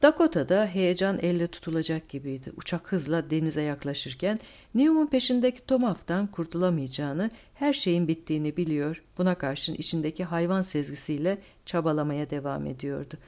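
A woman narrating a war novel audiobook with dramatic, expressive storytelling. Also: sits low, a little fast. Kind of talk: scripted narration.

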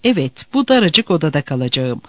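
A man's voice: on the high side, big pitch swings, brisk, bright, forceful tone, dry recording. A man voicing a bitter, sullen young former student who answers in a defiant grumble.

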